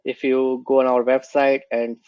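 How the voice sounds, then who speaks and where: A man's voice: mid-range voice, level tone, normal speed, no room sound, lo-fi sound. A man with a cold, answering interview questions as a guest, earnest and explanatory. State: has a cold.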